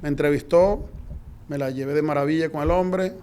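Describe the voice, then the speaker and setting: A middle-aged man from Venezuela, a guest in an interview, telling his story in a lively way and acting out the dialogue. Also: on the high side, moderate pace, slight background noise. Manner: lively anecdotal, acts out quoted dialogue.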